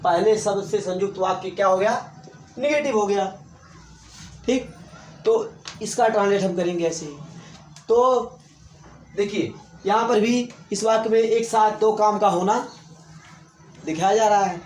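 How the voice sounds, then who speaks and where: A man from India with an Uttar Pradesh Hindi accent, teaching English grammar slowly in a classroom lesson and repeating and spelling out words. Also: high voice, a little mellow, soft background music. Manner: slow, repetitive spelling out of words. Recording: echoey room, faint ambient noise.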